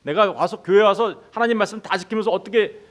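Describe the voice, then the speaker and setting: Preaching to his congregation, this pastor keeps posing rhetorical questions and performs the workers' words in quoted voices. He speaks quickly, with a high-pitched, fairly bright voice.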